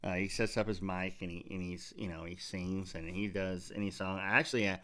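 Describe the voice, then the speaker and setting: A man's voice: deep voice, fairly even intonation, brisk, a bit bright. A man hosting a comedy podcast, telling a rambling, profane story in a loose, casual way. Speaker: podcast host.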